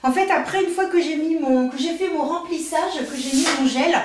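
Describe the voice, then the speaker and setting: A woman's voice: high-pitched, moderate pace, a little hiss or hum. A French woman and nail technician chatting casually while unboxing, thinking aloud with many fillers. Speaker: nail technician and makeup artist. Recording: roomy echo.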